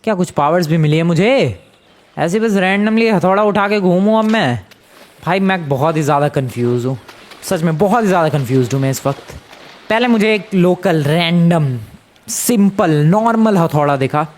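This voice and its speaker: A man giving casual game commentary, excitable and exclaiming, talking to his viewers as friends. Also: high voice, normal speed. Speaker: gameplay commentator.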